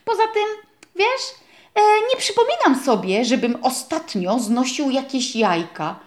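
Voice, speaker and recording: A woman's voice: sits high, big pitch swings, unhurried, voice pushed up. A woman voicing a grumpy, matter-of-fact young male rabbit who lectures and explains things plainly, in a storybook reading. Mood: lecturing. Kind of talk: storybook character voice.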